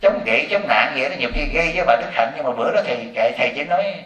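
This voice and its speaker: A man, a Buddhist monk, giving a sermon with lively storytelling and acted-out quotes. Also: on the high side, racing. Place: temple hall. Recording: roomy echo from far off.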